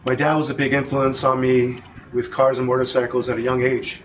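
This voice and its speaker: A man who grew up in Japan, talking in a relaxed, rambling way on camera and often saying "man" and "you know". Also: mid-range voice, fairly quick, slight background noise. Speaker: interviewee. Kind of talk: casual on-camera interview.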